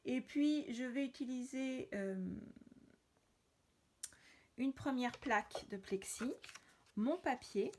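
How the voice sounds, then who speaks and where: A woman's voice: high voice, slow, pauses often, slight background noise. A woman hosting a card-making tutorial, talking casually while she works with many hesitations and fillers. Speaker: crafting tutorial host. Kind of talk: casual craft demonstration.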